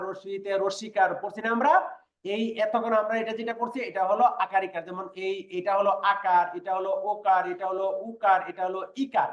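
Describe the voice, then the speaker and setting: A man with a fairly high voice gives an online lesson, patiently repeating sounds and asking his students whether they follow. The recording carries a noticeable room echo. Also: fairly bright tone. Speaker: Korean language teacher. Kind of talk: online class lecture.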